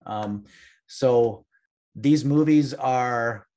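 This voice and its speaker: A man with a northern Minnesota accent, talking reflectively and haltingly as a podcast guest. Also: mid-range voice, warm tone. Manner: halting, repeats words as he gathers thoughts. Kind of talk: casual reflective discussion.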